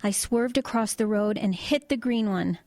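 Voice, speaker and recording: In an audio drama, a woman plays a female truck driver, her voice soft, mellow, and middling in pitch. Lightly acted in a quiet, wistful mood, she recounts an eerie story matter-of-factly and with understatement, pausing to find the right words, on a dry recording.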